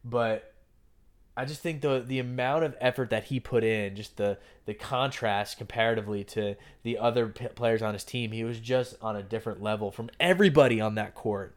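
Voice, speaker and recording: A man's voice: lowish voice, moderate pace. A man hosting a podcast, talking basketball in a casual, opinionated way and often restarting his sentences. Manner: conversational, opinionated, frequent restarts. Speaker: podcast host.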